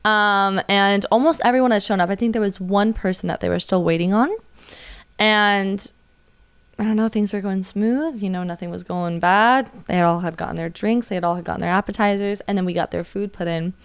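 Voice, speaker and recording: Young woman guest, smooth voice, casual rambling storyteller. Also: medium pitch, fairly even intonation, brisk. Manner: chatty storyteller with many fillers and likes. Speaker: podcast guest, waitress. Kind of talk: casual podcast chat, storytelling.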